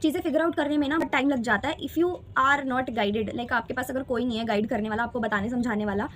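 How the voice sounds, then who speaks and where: Young woman in her twenties, high voice, earnest personal vlog, faint noise behind. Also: brisk, a bit bright. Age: 20s. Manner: earnest, reflective, mixes Hindi with English phrases. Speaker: vlogger sharing exam experience. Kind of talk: candid personal vlog talk.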